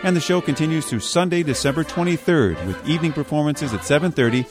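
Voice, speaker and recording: A man's voice: fairly high pitch, quick pace. Man in his forties hosting a radio arts show. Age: 40s. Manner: friendly, playful, then scripted announcing. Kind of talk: radio interview and show outro. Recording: music bed playing under the voice.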